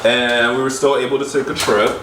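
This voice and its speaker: A man's voice: medium pitch, little pitch movement, brisk. An American man hosting a casual vlog, chatting with a friend in a playful, slangy, campy way. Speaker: host of a casual mukbang vlog. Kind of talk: casual chat between friends. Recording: echoey, noisy room, distant mic.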